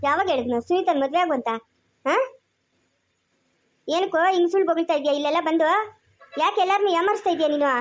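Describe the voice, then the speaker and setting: A woman acting as a hot-tempered young village man in a comedy skit, scolding and threatening in rural Kannada dialect. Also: very high voice. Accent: Kannada, Chikkaballapur rural dialect. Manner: scolding, threatening, shouting orders.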